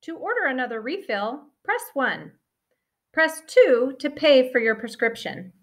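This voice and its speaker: Lively automated phone menu woman. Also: high-pitched, a little slow. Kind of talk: recorded phone prompts.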